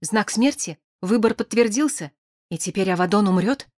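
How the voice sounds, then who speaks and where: A woman's voice: mid-range voice, lively intonation, moderate pace, a little mellow, no room sound, studio quality, natural voice. A woman voicing a young woman who asks short, stern, startled questions. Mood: alarmed.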